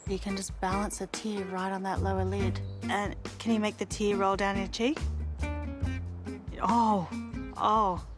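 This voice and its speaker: A woman's voice: medium pitch, level tone, unhurried, long pauses, lightly acted. An actress playing a brash, crude young woman who blurts out cheeky answers, heard in a film clip. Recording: film clip with music underneath.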